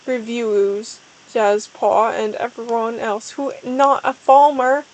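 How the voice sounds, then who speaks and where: High-voiced woman reading aloud. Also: fairly even intonation, slow, darkish tone, poor audio. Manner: wry, joking asides to chat. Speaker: streamer. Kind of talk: mock-dramatic reading with asides.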